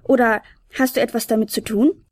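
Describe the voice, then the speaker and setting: A woman's voice: fairly high pitch, fairly even intonation, brisk, darkish tone, no echo, studio quality, natural voice. A woman voicing a small, drowsy boy flute player who asks puzzled, curious questions. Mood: puzzled, eager.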